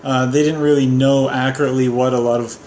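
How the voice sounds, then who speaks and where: A man's voice: mid-range voice, level tone, fast, a little mellow, reverberant, slight background noise. A young Canadian man talking casually with his wife, explaining things in an earnest, careful way. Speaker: co-host of a couple's livestream. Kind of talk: casual chat.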